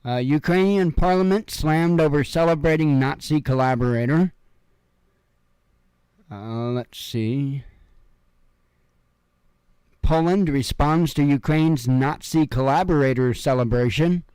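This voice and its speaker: A man's voice: a little high, moderate pace, hardly any pauses, a little mellow, smooth, dry recording. A man from Illinois casually reading news headlines at home and adding rambling, offhand asides full of fillers. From Illinois, USA. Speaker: news commentary host. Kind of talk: casual headline read-through with commentary. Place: home room.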